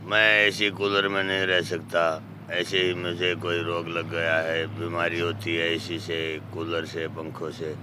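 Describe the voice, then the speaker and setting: A man's voice: low voice, flat delivery, measured pace, hardly any pauses, noisy background. A man, an ascetic who solemnly gives blessings and answers questions outdoors. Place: outdoors at a temple fire site.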